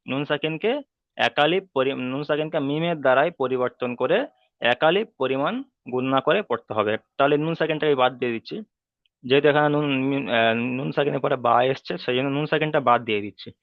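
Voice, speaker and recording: A male Quran teacher explains reading rules in a patient, repetitive way and keeps asking his listeners checking questions. He draws out the Arabic sounds slowly when he demonstrates them. His voice sits at a middle pitch and comes through dry and tinny, like a phone line. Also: dry recording. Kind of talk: online tajweed lesson.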